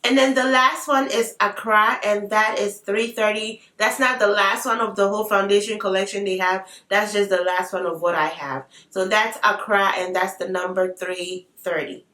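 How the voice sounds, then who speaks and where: A woman's voice: medium pitch, steady tone, normal speed, hardly any pauses, bright, forceful tone. A woman with an African accent, chatting casually through a makeup tutorial with playful asides. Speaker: beauty vlogger. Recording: roomy sound, mic at a distance.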